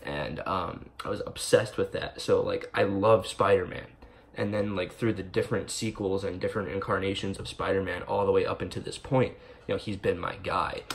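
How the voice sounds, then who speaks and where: A young man giving a casual, rambling movie review to camera, excited and swearing often with lots of fillers. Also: deep voice, gravelly, a little hiss or hum.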